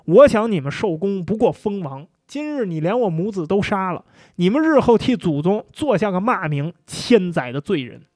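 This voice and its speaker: A dying, outraged deposed emperor scolds in stiff, formal old-style speech, as a male storyteller puts him on. His voice sits high and dry in a close recording. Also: very animated, moderate pace, darkish tone, dry recording. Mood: indignant.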